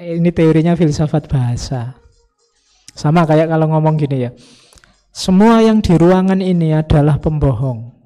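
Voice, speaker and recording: A man's voice: fairly high pitch, moderate pace, pauses often, warm tone. A man giving an informal philosophy lecture, explaining with folksy jokes and acted quotes. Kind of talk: informal religious study lecture.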